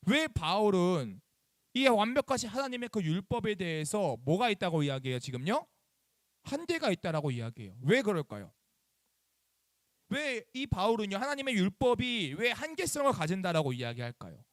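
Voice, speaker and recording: A male youth pastor giving a sermon to middle schoolers, animated, acting out phone calls and quizzing the kids. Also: high-pitched, moderate pace, dry recording, studio quality. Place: church chapel.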